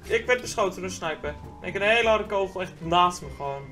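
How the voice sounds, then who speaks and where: Fast, bright, excitable Dutch man gaming. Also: high-pitched, soft background music. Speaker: gamer. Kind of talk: casual gaming chat mixing Dutch and English.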